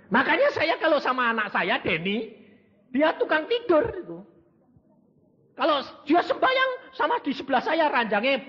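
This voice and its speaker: A man's voice: very high-pitched, long reverb tail, muffled recording. A man preaching a sermon in Indonesian with a Javanese accent, telling stories animatedly and acting out dialogues. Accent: Javanese-tinged Indonesian. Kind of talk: sermon with anecdotes.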